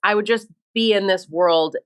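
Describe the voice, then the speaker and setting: A Minnesota woman in her thirties, a sports reporter, chats as a guest in a casual interview, upbeat and self-deprecating. Her mid-range voice is smooth and her speed normal.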